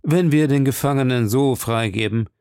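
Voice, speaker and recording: A man reading an audiobook, voicing a scheming cardinal who speaks in a measured, politely cold way. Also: medium pitch, darkish tone, smooth, no echo, clean studio sound, close to an everyday voice. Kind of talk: audiobook character voice.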